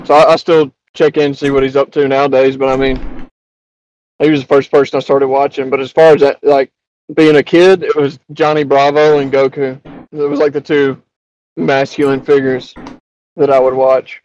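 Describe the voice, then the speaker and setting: A man's voice: mid-range voice, little pitch movement, moderate pace, a little mellow, dull audio. A young man co-hosting a podcast, chatting in an easygoing, matter-of-fact way. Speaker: podcast co-host. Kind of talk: casual chat.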